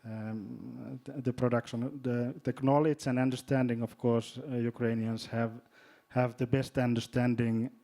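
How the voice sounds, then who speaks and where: Halting Finnish-accented man, flat and mellow. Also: medium pitch, creaky. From Finland. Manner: halting, repeats words, many fillers. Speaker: panelist, drone company executive. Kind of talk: panel discussion.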